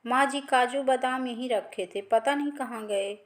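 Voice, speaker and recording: A woman storyteller voicing a timid, wronged young daughter-in-law who speaks softly. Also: fairly high pitch, moderate pace, close to an everyday voice. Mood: meek.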